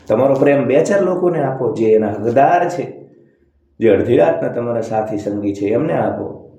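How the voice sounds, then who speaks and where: A man's voice: medium pitch, mellow, roomy sound. A man giving a blunt, preachy motivational monologue, scolding and sarcastic, often tossing in rhetorical "hm?" asides. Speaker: motivational speaker.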